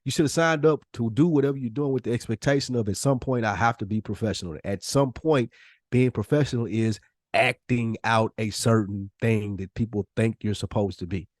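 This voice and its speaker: An American man co-hosts a podcast, casually debating with friends. He's emphatic and insistent, repeating his points with slang and swearing. His medium-pitched voice moves a little fast, and the recording is clean studio sound with no room sound.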